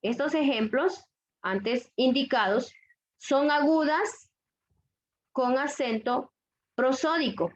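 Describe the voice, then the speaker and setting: A woman teaching a grammar lesson to young students, repeating each rule and checking that the class follows. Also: high voice. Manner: slow, deliberate, repeats rules, checks understanding with questions. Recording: dull lo-fi audio.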